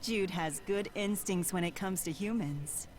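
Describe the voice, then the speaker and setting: A woman playing a calm, kindly heroine in a video game, gentle and measured. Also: on the low side, lightly acted. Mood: calm, trusting. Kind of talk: scripted video game acting.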